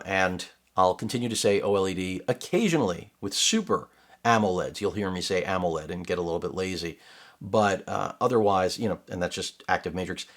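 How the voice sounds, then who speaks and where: A middle-aged man reviewing a laptop in his home studio, talking casually and wandering off on sarcastic tangents. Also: low-pitched. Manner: rambling, digressive, sarcastic asides. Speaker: tech reviewer. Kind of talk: casual unboxing commentary.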